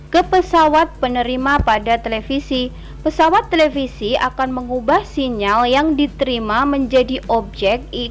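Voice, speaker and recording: A woman giving an online grammar lesson as a teacher, reading example sentences aloud and explaining them slowly. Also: sits high.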